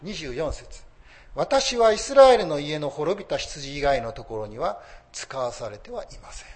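A man's voice: a little high, big pitch swings, moderate pace. A man preaching a sermon as pastor, rising in emphasis on key phrases.

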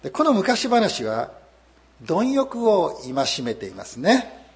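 Male pastor, sermon, gentle storyteller, lively pitch, slightly high voice. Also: slow. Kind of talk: sermon with told folk tale.

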